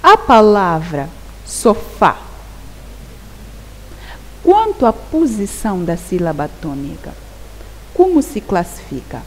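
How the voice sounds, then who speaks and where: A woman teacher explains a grammar lesson at an unhurried, deliberate pace. Her pitch moves in wide, lively swings as she keeps asking the class whether they follow. The recording carries a long reverb tail and a faint, steady hiss. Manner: slow, deliberate, repeats key words and asks "Perceberam?". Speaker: primary school teacher.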